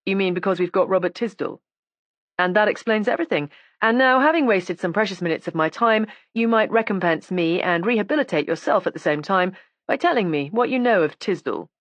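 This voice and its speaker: A woman's voice: mid-range voice, expressive, a little fast, no echo, pitched above the performer's own voice, lightly acted. A woman reading an audiobook, voicing a stern male police inspector who speaks in a cool, clipped, ironic way. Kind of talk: audiobook character voice.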